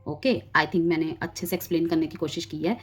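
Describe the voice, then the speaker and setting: Woman tarot reader, low voice, talks straight to viewers, explains each card. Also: steady tone, brisk, breathy edge. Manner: explanatory, addresses viewers directly, drifts between Hindi and English. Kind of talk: collective tarot reading.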